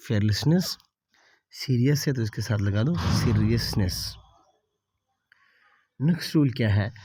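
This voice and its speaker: A man's voice: mid-range voice, no echo. Man patiently teaching English spelling rules. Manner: steady explanatory pace, slowing to spell words out letter by letter. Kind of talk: explaining spelling rules to learners.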